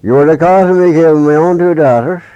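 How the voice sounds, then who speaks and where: A man voicing a vengeful old witch woman in a folk tale, in halting dialect speech, on a dull lo-fi recording. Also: lowish voice, dark tone, no echo, close to an everyday voice. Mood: accusing.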